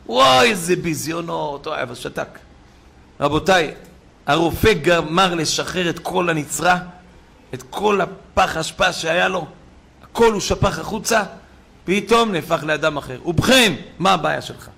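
Male preacher, fiery sermon delivery, high and gravelly, big dynamic swings. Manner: fiery, swings from shouting to hushed storytelling.

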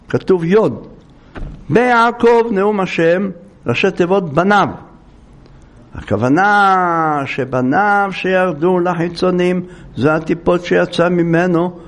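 An older man teaching a religious lecture, telling stories and acting out what people said. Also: a little high. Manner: storytelling, acting out quoted speech. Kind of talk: Torah lecture to listeners.

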